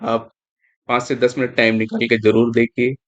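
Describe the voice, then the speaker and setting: Man, exam tutor, explaining word spellings, repetitive and emphatic, mid pitch, muffled audio. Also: little pitch movement, normal speed. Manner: repetitive, emphatic, stresses importance. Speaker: exam prep teacher.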